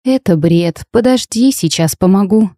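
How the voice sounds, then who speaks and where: A woman voicing a kindly old female nurse who speaks gently in an audiobook. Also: medium pitch, moderate pace, no room sound, clean studio sound, natural voice. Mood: soothing. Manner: gentle, soothing.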